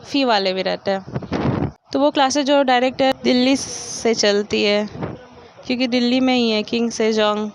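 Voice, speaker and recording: A young woman from India chatting casually to viewers about her studies, rambling and often trailing off into soft asides. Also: a little high, moderate pace. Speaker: study vlogger. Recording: dull lo-fi phone audio with faint noise.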